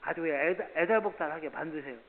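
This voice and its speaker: A male pastor preaching a sermon, swinging from loud preaching to hushed near-whispers and acting out both sides of his stories. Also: a little high, fast. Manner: storytelling, acts out both sides of dialogue. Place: church sanctuary. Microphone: far security camera. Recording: phone-like CCTV audio, long reverb, faint hiss.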